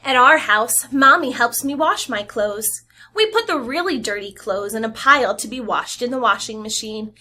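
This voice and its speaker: A young adult woman with a fairly high voice reads a picture book aloud to small children as their teacher. She is expressive and animated, adding sound effects and pausing to explain things.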